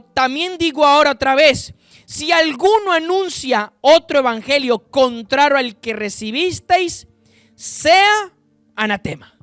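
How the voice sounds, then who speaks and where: A man preaching a sermon, reading Bible verses slowly and with emphasis, and addressing the listeners directly. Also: a bit bright, dry recording. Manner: slow, emphatic scripture reading with sudden pitch rises and drops.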